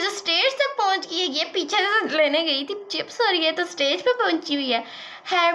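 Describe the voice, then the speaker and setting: High-voiced chatty woman storyteller. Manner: animated, chatty storytelling mixed with English words. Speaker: vlogger. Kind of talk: casual storytime vlog.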